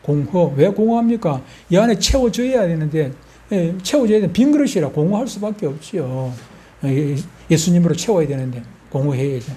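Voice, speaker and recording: A man's voice: a little high, expressive, a little fast, dark tone. An older man, a pastor with a Gyeongsang accent, preaching a sermon in a folksy way and putting questions to the congregation. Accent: Gyeongsang Korean.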